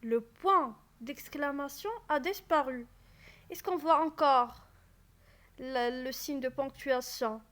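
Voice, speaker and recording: A woman explaining French grammar in a slow classroom style, repeating key phrases and asking the class rhetorical questions. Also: high voice, fairly bright tone.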